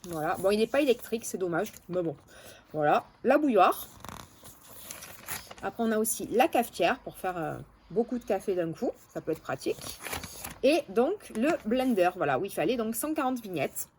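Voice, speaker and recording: Speaking at a moderate pace with a sing-song, medium-pitched voice, a woman reviews bargain hauls for her vlog in a Marseille French accent. She's casual and hesitant, frequently correcting herself, with a little hiss or hum in the recording.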